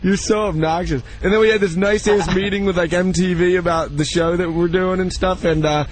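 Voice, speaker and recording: Excited high-voiced man telling stories. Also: fairly quick, slight background noise, rough recording. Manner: excited storytelling, lots of "dude". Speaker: radio show co-host. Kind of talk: crude studio banter.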